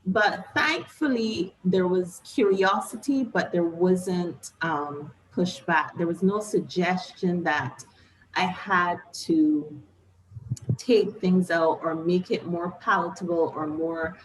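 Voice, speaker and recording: A woman's voice: lowish voice, slow pace, slight background noise, low-quality recording. A woman from Barbados with a Bajan accent, answering interview questions as a novelist in a reflective, explanatory, conversational way.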